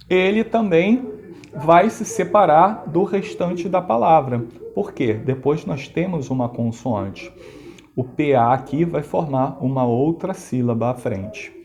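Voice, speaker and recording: A man's voice: fairly high pitch, darkish tone. A male teacher explaining syllable division in a lesson, stressing key words and asking rhetorical questions.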